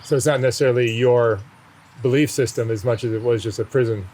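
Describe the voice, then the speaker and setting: Male interviewer, mid-range pitch, conversational questions, documentary style, outdoor ambience, birdsong. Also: fairly even intonation, quick pace, a little mellow. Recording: clear outdoor ambient noise.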